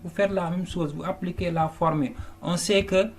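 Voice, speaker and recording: A patient male teacher explains a lesson step by step, his voice sitting a little higher than most men's. He often restarts words and stops to check that listeners follow. A faint hiss of noise runs under the recording. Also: steady tone, moderate pace. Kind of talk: classroom lesson walkthrough.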